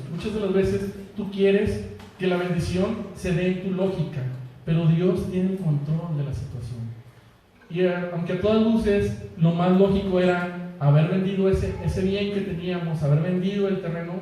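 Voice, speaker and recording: Preaching in an echoey church hall, a Mexican-accented man with a high voice and dark tone speaks at a moderate pace. His sermon is a chatty, joking personal story that makes him laugh at himself, recorded from afar with a little hiss or hum.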